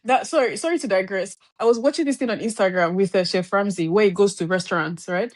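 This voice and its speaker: A woman's voice: mid-range voice, fast, no room sound. A woman co-hosting a casual podcast, chatty and digressive, teasing the others while telling a story. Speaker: podcast co-host.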